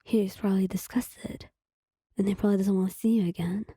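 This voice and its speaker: A woman reading her own fan fiction aloud as a whispered role-play, in a soft, half-whispered storytelling voice. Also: medium pitch, steady tone, fairly quick, breathy edge, dry recording, clean studio sound.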